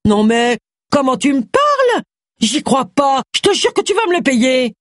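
A man's voice: high-pitched, sing-song, moderate pace, no echo, clean studio sound. A reader voicing a petulant, lazy husband bickering with his wife in an audiobook. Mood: whiny, indignant. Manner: whiny, indignant.

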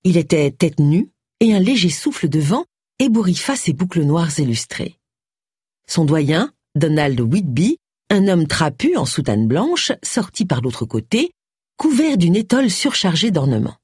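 Female audiobook narrator, animated, breathy, dry close sound. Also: fairly low pitch, a little slow, dry recording. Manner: lively expressive reading. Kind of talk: scripted narration.

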